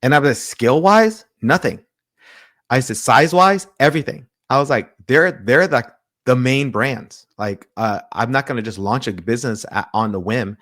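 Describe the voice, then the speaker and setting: A man's voice: mid-range voice, moderate pace. Pastor, male, guest in a casual interview, storytelling with lots of quoted back-and-forth, stumbles and restarts. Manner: animated retelling with quoted dialogue and frequent restarts.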